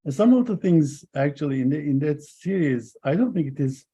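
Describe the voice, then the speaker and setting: A man interviewing a guest in a relaxed, chatty manner. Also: a little high, normal speed, slightly rough. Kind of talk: conversational interview.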